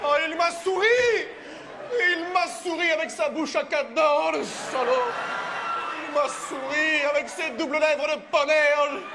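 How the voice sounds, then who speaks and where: An actor playing a pompous, touchy playwright who bursts into melodramatic wails in a stage comedy sketch. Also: male voice, very high voice, fairly even intonation, unhurried. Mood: wailing. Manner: melodramatic wailing outbursts. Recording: live stage with audience noise. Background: audience laughter.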